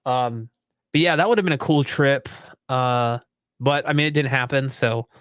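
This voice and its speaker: A man's voice: mid-range voice, moderate pace, a bit bright, clean tone, no room sound. A young man co-hosting a podcast live stream, chatting casually in an easygoing, rambling, self-deprecating way. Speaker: podcast co-host.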